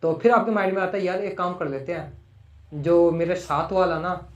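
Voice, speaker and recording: A man's voice: sits high, fairly even intonation, echoey room, lo-fi sound. A man teaching a poem line by line, repeating each phrase and spelling out words as he explains. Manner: repeats and spells out words, slow for English lines.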